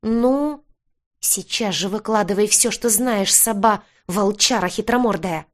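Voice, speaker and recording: A woman's voice: medium pitch, expressive, a little fast, darkish tone, close to an everyday voice. A woman voicing a fiery young woman necromancer who speaks in an indignant, demanding way in an audiobook reading.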